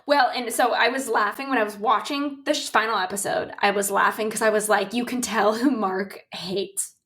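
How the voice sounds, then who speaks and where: A woman co-hosting a podcast in casual chat, animated, swearing freely and acting out quotes. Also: mid-range voice, moderate pace. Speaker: podcast co-host.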